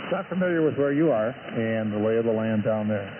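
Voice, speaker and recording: A man's voice: on the low side, brisk. An older man chatting wryly on a ham radio call, his voice coming through a radio receiver. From California. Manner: relaxed, wry, chatty. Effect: heard over a ham radio receiver. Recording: tinny, noisy shortwave radio signal.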